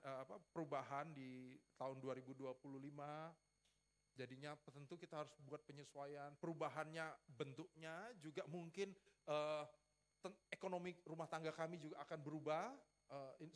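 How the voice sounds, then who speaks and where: A male pastor preaching in a relaxed, playful storytelling manner, joking with the congregation and acting out conversations with his wife. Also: on the high side. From Riau, Sumatra, Indonesia. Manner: lively storytelling with playful asides, acts out dialogue. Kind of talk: sermon. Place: church.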